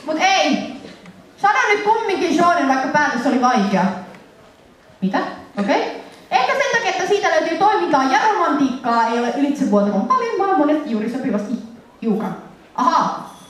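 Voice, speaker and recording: Animated Finnish woman in an echoey hall. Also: high voice. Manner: animated, laughing, acts out scenes in funny voices. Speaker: convention panel presenter. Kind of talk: lively convention talk to an audience. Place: convention hall with audience. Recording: echoey hall, voice from far off, faint noise.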